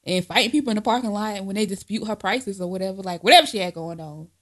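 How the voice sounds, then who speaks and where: A woman's voice: mid-range voice, quick pace, fairly bright tone. A woman co-hosting a podcast, chatting casually in a blunt, profane way and laughing often. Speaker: podcast co-host. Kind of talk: casual chat.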